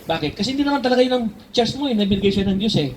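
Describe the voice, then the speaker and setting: A man preaching a sermon to his congregation, lively and full of questions to the room, switching into English when he quotes Bible verses. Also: very high voice, racing, background noise. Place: church service in a hall.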